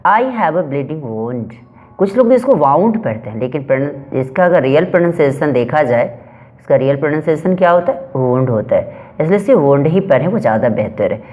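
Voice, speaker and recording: A male teacher giving a grammar lesson, reading each English example slowly and then explaining it step by step, asking and answering his own questions. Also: on the high side, big pitch swings, dull audio. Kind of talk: classroom lesson explaining exercises.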